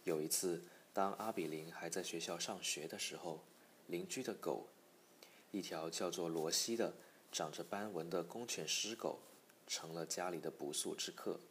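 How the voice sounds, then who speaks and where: Deep-voiced man reading a story. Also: normal speed, a little hiss or hum. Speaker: narrator. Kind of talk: audiobook storytelling.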